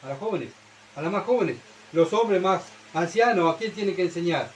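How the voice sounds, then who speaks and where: Man, Uruguayan accent, sermon, high voice, faint room hum. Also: lively intonation, normal speed, low-quality recording. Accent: Uruguayan Spanish. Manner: rhetorical questions to the congregation, frequent "¿verdad?". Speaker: preacher. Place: church.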